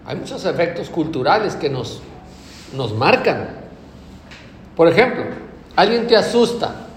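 Man preaching, kinda high voice, acts out bits, faint room hum in a big echoey hall. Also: unhurried. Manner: animated, acts out examples with voices. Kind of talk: sermon.

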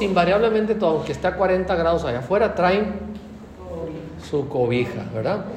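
Animated Mexican preacher in an echoey room. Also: male voice, a little high, a little hiss or hum. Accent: Mexican Spanish. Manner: animated, asks the congregation questions. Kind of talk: sermon.

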